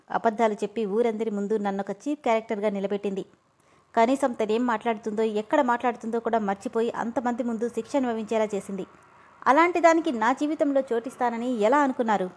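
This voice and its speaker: A taunting, cold-hearted young man, put on by a woman reading a story aloud. His scornful lines sit fairly high and come out with a sneer. The whole thing plays as a spoken audio story. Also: a little mellow, close to an everyday voice. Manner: mocking, scornful.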